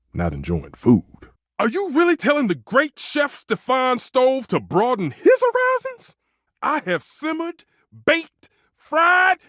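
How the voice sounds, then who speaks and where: A male actor playing a passionate, dramatic, flirtatious living stove who works as a chef, with a theatrical, expressive delivery in a dating video game. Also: high voice, dry recording, clean studio sound, heavily acted. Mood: astonished, proud. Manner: theatrical, expressive, swinging between exclaiming and murmuring. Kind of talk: voiced dating video game character lines.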